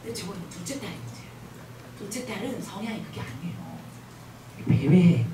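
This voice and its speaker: A woman gives a guest talk at a church revival, her pitch swinging widely as she rushes through her points. She keeps tossing rhetorical questions at the crowd. The sound is roomy and caught from some way off the mic, with a faint hiss underneath. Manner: animated, asks the audience rhetorical questions. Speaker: guest missionary speaker. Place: large church hall. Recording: echoey hall, mic at a distance.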